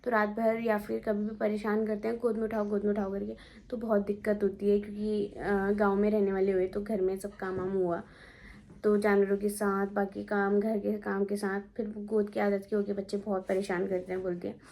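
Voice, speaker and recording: A woman's voice: mid-range voice, completely flat delivery, normal speed, creaky, dark tone. A young woman chatting casually for her home vlog, rambling and repeating herself as she talks. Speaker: family vlogger. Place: at home indoors.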